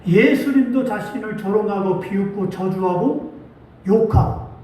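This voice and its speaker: A man preaches from the pulpit of a church, his high voice carrying through a very reverberant hall. He throws rhetorical questions at the congregation and acts out quoted lines with rising emphasis. He sounds a little distant from the microphone. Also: unhurried, dark tone. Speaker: pastor. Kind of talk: sermon. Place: church sanctuary.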